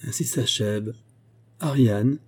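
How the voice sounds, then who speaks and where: A man reading a novel aloud in a measured, literary manner. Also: mid-range voice, a little mellow. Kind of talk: audiobook narration of a novel.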